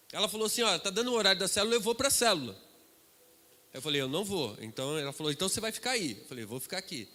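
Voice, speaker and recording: A middle-aged man with a Brazilian accent, a guest preacher telling a dramatic testimony that swings between loud and hushed. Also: on the high side. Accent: Brazilian Portuguese. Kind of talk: testimony sermon. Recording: reverberant hall with music behind.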